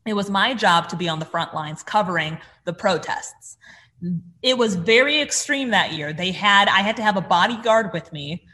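A woman's voice: medium pitch, moderate pace. A woman, a former television host, telling a personal story in an interview and acting out the quoted dialogue. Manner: animated, acts out quoted dialogue.

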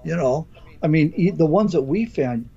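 Losing his voice and clearing his throat, this podcast host still keeps the casual chat going, asking questions and chiming in often. He has a fairly high, expressive, slightly rough voice with a dark tone and a moderate pace. The lo-fi recording sounds dull.

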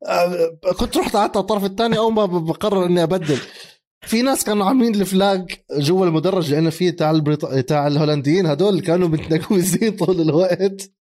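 Fast-talking man in his thirties. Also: on the high side. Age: 30s. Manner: animated, laughs often, mixes in English phrases. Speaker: podcast co-host. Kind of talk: casual sports chat.

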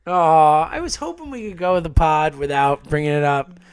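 A man's voice: on the high side, sing-song, normal speed, clear, resonant tone, no room sound, clean studio sound. A sick, tired man bantering casually as a sports talk podcast co-host, in an exasperated, complaining way.

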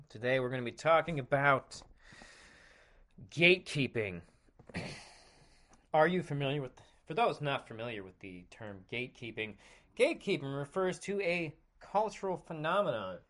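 A man in his thirties hosting a podcast, talking casually with sarcasm and frequent throat clearing. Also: a little high, lively intonation, measured pace, pauses often, a bit bright. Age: 30s. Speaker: podcast host. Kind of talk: casual monologue.

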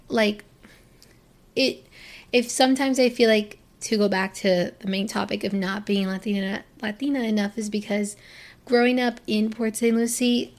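A young vlogger from Florida talks casually and personally to camera in a rambling way, her sentences looping back and restarting, packed with "like" and "you know." Her pitch is an ordinary middle.

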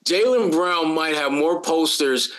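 A man co-hosts a sports podcast, his voice sitting a bit high for a man. He talks in a loose, animated chat style, jumping in with playful bits and frequent restarts. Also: unhurried, clear, resonant tone. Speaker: podcast co-host.

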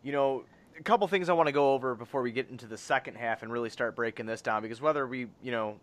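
A man's voice: medium pitch, fast. A man hosting a sports podcast in casual chat, with a blunt, slangy, sweary way of talking. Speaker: podcast host.

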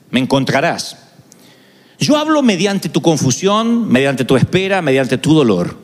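A male preacher voicing the human soul as a shy, soft-spoken woman who confides in the listener. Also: a little high. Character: the soul, shy quiet female voice. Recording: long hall reverb.

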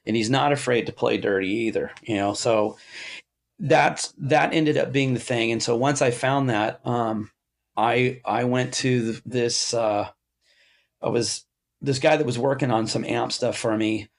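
Man, interview guest, mid pitch, rambles and restarts, lively when quoting others. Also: unhurried, creaky. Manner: rambling, with many restarts and asides. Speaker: interview guest, amp builder. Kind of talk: casual storytelling interview.

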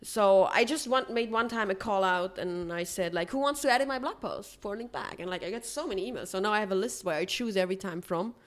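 A woman's voice: mid-range voice, quick pace, hardly any pauses. Woman. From Germany. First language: German. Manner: earnest, slightly non-native phrasing, laughs easily. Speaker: travel blogger guest. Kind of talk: casual interview chat.

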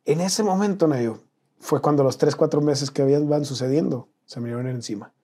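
A man from Mexico, an interview guest telling an emotional personal story in an earnest, slangy way, dropping to a hush at painful moments. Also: fairly high pitch, fairly quick, slightly rough.

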